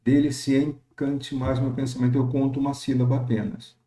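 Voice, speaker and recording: A man with a very dark, mellow voice teaches a recorded lesson. He explains step by step with many pauses and fillers, reading examples slowly. The sound bounces around an echoey room. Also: mid-range voice, level tone. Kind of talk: recorded lecture on poetic meter.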